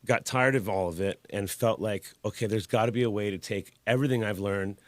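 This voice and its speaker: During a laid-back interview chat, a forties-aged guest artist candidly relates his story, swearing casually along the way. His voice is lowish and fairly quick, and the audio has no echo.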